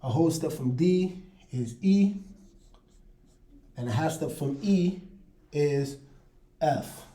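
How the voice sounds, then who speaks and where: A man teaching a casual online music lesson in a relaxed way, often checking in with his viewers. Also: a little high, slow, pauses often. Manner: relaxed, checks in with "all right, you guys".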